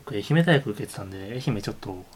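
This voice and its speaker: Quick, lively young man co-hosting a podcast. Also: lowish voice, a little hiss or hum. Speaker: podcast co-host. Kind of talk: casual chat.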